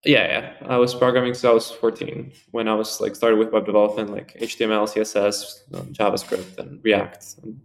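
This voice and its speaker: A man's voice: fairly low pitch, little pitch movement, brisk, gravelly, few pauses, a little hiss or hum. A young man in his early twenties from Spain, answering interview questions in a rambling, casual way full of "like" and "um". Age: early 20s. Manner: rambling, heavy use of "like" and fillers. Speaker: podcast guest.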